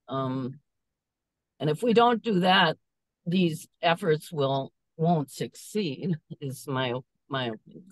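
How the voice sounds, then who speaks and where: A woman's voice: low voice, dry recording, poor audio. Woman calling in from a car speakerphone. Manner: earnest, measured, with frequent pauses and fillers. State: driving while talking. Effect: calling in over a car speakerphone. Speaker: meeting participant. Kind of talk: casual video call discussion. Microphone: phone speakerphone.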